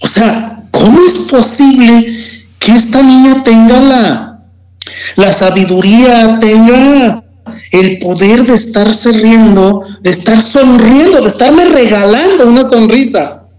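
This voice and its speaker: A Mexican man shares a personal testimony as an interview guest, speaking slowly and haltingly and often repeating words before continuing. His voice is very high-pitched and a little mellow, and the recording is rough.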